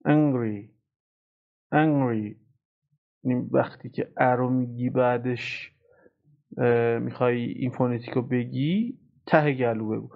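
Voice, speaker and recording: A man's voice: medium pitch, steady tone, gravelly. Male language teacher, patient, drills words over and over, narrow phone-like sound. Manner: patient, repeats words slowly many times. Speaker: English teacher. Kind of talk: pronunciation lesson. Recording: tinny phone-like audio.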